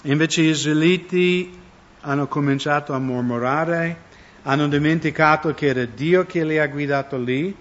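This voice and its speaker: A man's voice: a little high, moderate pace. A man preaching a conversational sermon, often asking his listeners questions. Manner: conversational, asks the audience questions. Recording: dull lo-fi recording.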